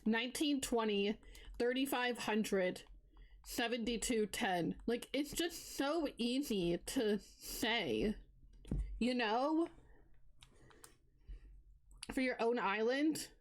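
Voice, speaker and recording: A bubbly young woman streamer with a slightly high voice, chatting at an unhurried pace. She giggles often and narrates what she is doing in a casual, chatty way. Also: lively intonation. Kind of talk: casual live-stream chat.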